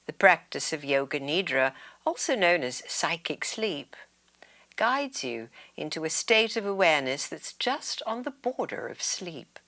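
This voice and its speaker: A yoga nidra meditation guide with a low voice leads at an unhurried pace, her intonation swinging widely in pitch. Her tone is sharp, yet her phrases often trail off into a soothing, breathy whisper.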